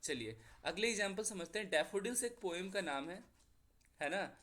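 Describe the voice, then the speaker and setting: A young man with an Indian accent teaching a lesson on figures of speech, mixing in English and drawing out his example sentences slowly. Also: high-pitched, expressive, bright, forceful tone. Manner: slow, drawn-out repetition of example sentences.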